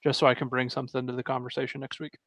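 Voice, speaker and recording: A man's voice: mid-range voice, flat delivery, rapid-fire, a bit bright, no echo. A man co-hosting a podcast in casual chat, rambling and laughing often, talking into a close studio mic. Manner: rambling, laughs often, trails off mid-thought. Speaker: podcast co-host.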